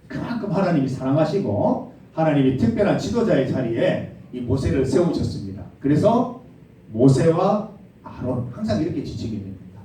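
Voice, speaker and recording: A man's voice: on the high side, very animated, moderate pace, warm tone. A man preaching a sermon as youth pastor, often putting questions to his listeners. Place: church sanctuary. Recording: very echoey hall, mic far off.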